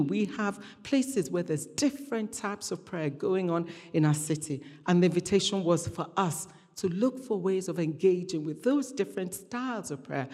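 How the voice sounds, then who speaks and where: A woman guest preacher with a warm, fairly low voice delivers an earnest, conversational sermon full of stories to a congregation in a large hall or church. She likes repeating phrases and acting out dialogue, and the sound echoes with hall reverb.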